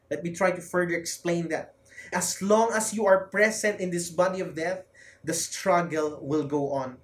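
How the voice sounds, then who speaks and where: A preacher with a Filipino accent giving an emphatic sermon, repeating key phrases and swinging between loud, fervent lines and quiet ones. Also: medium pitch.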